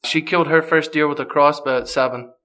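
A man's voice: on the high side, fairly even intonation, brisk, bright, forceful tone, a little hiss or hum. A man from Pennsylvania, a guest on a podcast, chatting casually and easily with many fillers. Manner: easygoing, many "you know" fillers. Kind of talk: casual chat.

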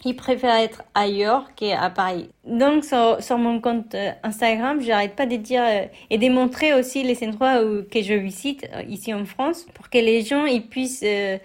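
A woman's voice: on the high side, moderate pace, few pauses. A young adult woman from Mexico with a Mexican Spanish accent, telling her story as an interview guest, hesitant with many fillers and restarts. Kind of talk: interview testimony.

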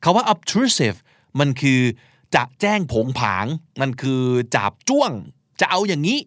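A man's voice: high voice, big pitch swings, measured pace, fairly bright tone, no echo, studio quality. A man hosting a podcast, teaching and explaining vocabulary, spelling out words and acting out short examples. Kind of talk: explanatory language lesson talk.

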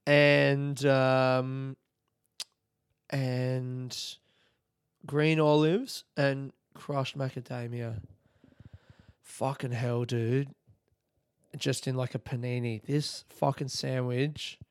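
A man's voice: medium pitch, flat delivery, very slow, long pauses, clear, resonant tone, no room sound, clean studio sound. A young Australian man hosting a casual solo podcast, rambling and swearing with enthusiasm. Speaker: podcast host.

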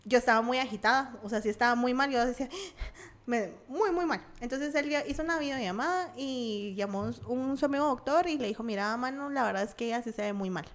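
A woman's voice: a little high, quick pace, few pauses. A young woman from Guatemala with a Guatemalan Spanish accent, telling a personal story as a podcast guest and acting out the voices of the people in it. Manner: animated, acts out quoted voices. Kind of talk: casual storytelling.

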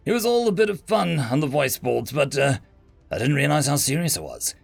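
A man's voice: a little high, very animated, brisk, creaky, faint music behind, exaggerated voice. A man voicing a stammering young human shareholder who pleads, then talks like a scheming businessman. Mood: nervous.

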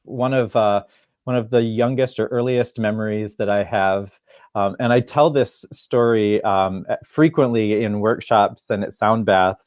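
A man's voice: on the low side, fairly even intonation, unhurried, a little mellow, dry recording, studio quality. A middle-aged man from Michigan telling a story in a casual interview, chatty and laughing often. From Michigan, USA. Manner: chatty, laughs often, acts out quoted voices. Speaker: guest, therapist and musician.

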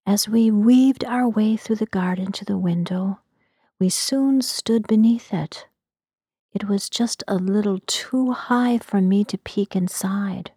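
Soft-whispering woman narrator, slow. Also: mid-range voice, slightly rough, dry recording, clean studio sound. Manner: soft, gentle, hushed whisper. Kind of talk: whispered ASMR story narration.

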